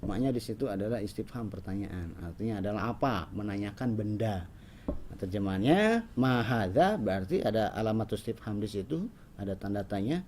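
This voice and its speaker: A man teaches a class, explaining step by step with a lively, rising and falling delivery. His voice is mellow and warm. A faint hiss of background noise sits under the talk. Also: lowish voice, moderate pace. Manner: explanatory, lively intonation, frequent "ya" and "nah". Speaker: Arabic teacher. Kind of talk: classroom lesson.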